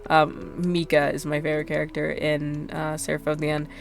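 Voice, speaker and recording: A woman's voice: low-pitched, completely flat delivery, brisk, vocal fry, a little hiss or hum. A young adult woman streaming a game, chatting casually and rambling with lots of fillers. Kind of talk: casual chat while gaming.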